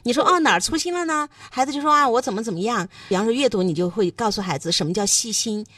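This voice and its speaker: A woman's voice: mid-range voice, racing, a bit bright, breathy edge, dry recording, clean studio sound, recorded from a distance. A woman hosting a parenting talk, asking questions and then summing up her guest's points. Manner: reflective, sums up and praises. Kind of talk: interview, casual conversation.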